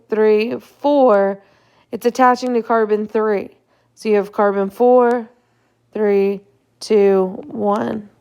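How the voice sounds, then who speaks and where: This young woman teaches chemistry, delivering a laid-back recorded lecture over slides while sounding a little tired, yawning, and using fillers and checks like "right?". Her voice is fairly high and slightly mellow, with a clear, resonant tone.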